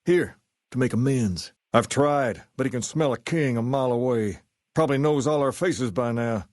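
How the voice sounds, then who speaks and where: This scripted game character is an easygoing gang leader styled as a rock-and-roll king, voiced by a male actor who sounds cool, assured and sure of himself. His delivery is lightly acted, measured, folksy and colloquial, with a middling, slightly mellow pitch captured in a dry, close recording.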